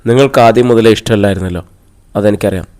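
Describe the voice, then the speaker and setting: A man's voice: on the low side, quick pace, darkish tone, pitched below the performer's own voice, natural voice. A man reading the part of a hurt, defiant young woman who answers bitterly and accusingly.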